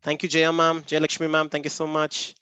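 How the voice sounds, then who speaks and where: A man's voice: on the high side, completely flat delivery, a little fast, bright, forceful tone, smooth, no room sound. A man with a Tamil Indian English accent, chatting informally as the host and trainer of an online workshop and repeatedly thanking participants. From Namakkal, Tamil Nadu, India. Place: online video meeting.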